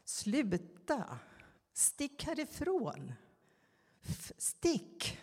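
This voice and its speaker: A woman voicing a scared and angry four-year-old girl who shouts through tears. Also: sits high, wildly swooping pitch, big-room sound, voice pushed up. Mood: furious shouting. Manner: shouting, tearful.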